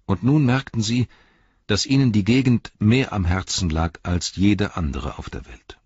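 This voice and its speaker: Deep husky male storyteller. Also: a little slow, dry recording, highs cut off. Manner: expressive storytelling. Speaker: audiobook narrator. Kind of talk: scripted narration.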